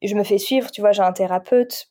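Woman on a podcast, warm mellow tone, chatty and candid, lots of little restarts. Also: medium pitch. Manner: reflective, frank, talks in halting restarts. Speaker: podcast guest. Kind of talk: casual conversational interview.

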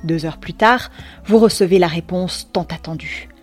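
A woman's voice: lowish voice, normal speed, soft background music. A woman reading a scripted second-person story with wry, ironic asides and a few slangy touches. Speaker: narrator.

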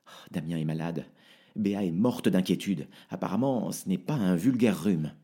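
A man's voice: sits low, normal speed, dark tone, lightly acted. A man reading the part of an anxious man in his forties who talks hesitantly and stammers. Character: anxious fortyish male dreamer, nervous.

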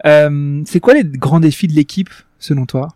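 A man's voice: a little high, moderate pace, a little mellow, no room sound, clean studio sound. A man interviewing a guest, asking long, probing questions in a conversational way.

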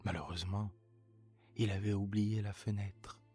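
A man calmly reading a bedtime story in a soothing, unhurried way. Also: fairly low pitch, husky, soft background music.

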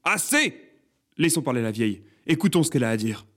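A man's voice: mid-range voice, racing, a little mellow, natural voice. A man voicing Josette, a brave, determined young female zucchini who takes charge of the others. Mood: commanding. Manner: firm, commanding.

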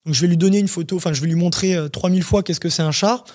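A man's voice: high-pitched, steady tone, racing, a little mellow. A man, a startup CEO, explaining his company in a casual interview, talking with many fillers.

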